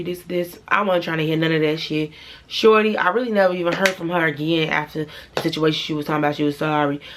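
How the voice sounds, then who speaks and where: A woman's voice: deep voice, slight background noise. A young woman vlogger telling a dramatic personal story to her viewers, blunt and profane, speaking straight to camera. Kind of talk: storytime vlog.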